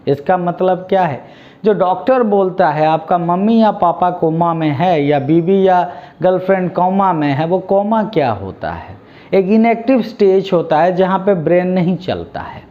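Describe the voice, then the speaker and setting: A high-voiced man with an Indian accent gives a vocabulary lesson. He moves slowly through each word and has the class say it back. The recording sounds dull and lo-fi. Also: lively intonation. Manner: drills words, asks the class to repeat them; mixes Hindi and English. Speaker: English vocabulary teacher.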